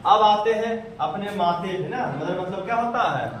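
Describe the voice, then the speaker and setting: A man's voice: high voice, animated, moderate pace, far from the mic, a little hiss or hum. A man with a Bihari accent teaching English to a class, asking his students questions again and again. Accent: Bihari Hindi. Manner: quizzing students with repeated questions. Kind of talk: classroom lesson. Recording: echoey classroom, voice from across the room.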